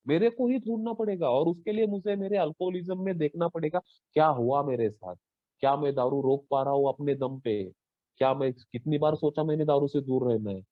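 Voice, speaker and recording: A man, sharing his own story at a Twelve Step workshop, earnest and full of rhetorical questions, slipping into English phrases. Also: no room sound. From India. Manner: rhetorical questions, lively pitch swings. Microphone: online call. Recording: dull lo-fi online call audio.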